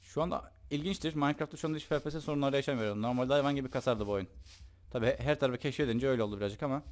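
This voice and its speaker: A young gaming YouTuber with a mid-range voice talks very fast over his own gameplay. He chats and jokes casually, even addressing the game's mobs directly.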